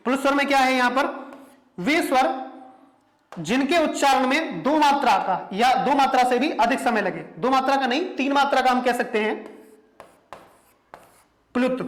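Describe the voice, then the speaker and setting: Man teaching in an echoey room. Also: very high voice. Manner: asks rhetorical questions, repeats points. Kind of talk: exam-prep classroom lesson.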